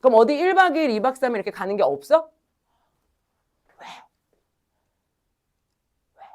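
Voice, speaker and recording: A middle-aged woman teaching a high school Korean class, chatty and animated, telling a story and acting out her students' grumbles before going back to the lesson. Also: moderate pace.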